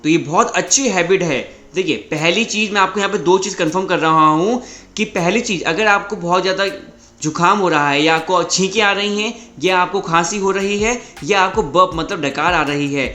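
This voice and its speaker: A man teaching English vocabulary in a methodical lesson, repeating each word and saying the English examples slowly. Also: sits high, pushed and bright. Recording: roomy echo with faint background music.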